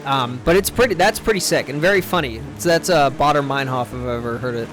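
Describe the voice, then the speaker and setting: A man's voice: mid-range voice, fast talker, fairly bright tone. Rambling young man streaming a game. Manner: rambling, swears casually. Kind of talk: casual gameplay chat. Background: game music.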